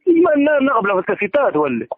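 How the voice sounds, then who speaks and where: An Algerian man on the phone argues heatedly and combatively, exasperated and insistent as he demands repayment of a debt. His voice is extremely high and swoops wildly in pitch, racing along with a slightly rough texture. The telephone line sounds tinny and band-limited, with no echo.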